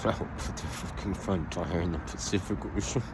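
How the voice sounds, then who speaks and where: Deep-voiced man crying, snotty and choked up. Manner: halting, broken phrases, swearing. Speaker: travel vlogger. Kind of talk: personal confessional vlog. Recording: loud outdoor traffic and street noise.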